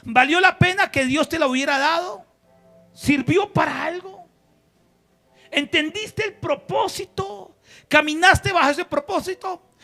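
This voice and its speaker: A man with a notably high voice preaches a sermon in a church, pressing his listeners with question after question. He swings from loud exhortation down to hushed, drawn-out emphasis and has the congregation repeat lines back to him. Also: faint music behind. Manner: preaching with rhetorical questions and call-and-response. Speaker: pastor.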